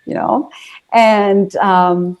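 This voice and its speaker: This guest, an Ethiopian singer and speaker with Amharic as her first language, talks very slowly in a medium-pitched voice with fairly even intonation. On the video call she is chatty and laughs easily, restarting sentences as she gives casual interview answers.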